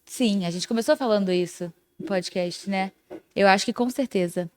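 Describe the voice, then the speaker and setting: A woman's voice: mid-range voice, moderate pace, a little mellow, a little hiss or hum. A young woman with a Brazilian Portuguese accent co-hosting a podcast, talking in a reflective, agreeable casual way. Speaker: podcast co-host. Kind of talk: casual chat.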